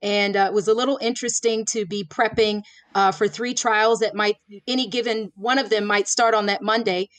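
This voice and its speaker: Earnest woman in her 40s, former prosecutor, answers slow and careful with lots of "you know"s, dry close sound. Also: medium pitch, steady tone, no echo. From Florida. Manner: measured, earnest, many "you know" and "um" fillers. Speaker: judicial candidate, former prosecutor. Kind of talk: podcast interview answers.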